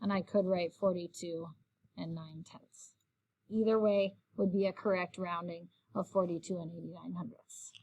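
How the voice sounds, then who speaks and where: A woman's voice: on the low side, steady tone, moderate pace, darkish tone, breathy edge, lo-fi sound. Woman teacher explaining step by step. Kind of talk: recorded math lesson.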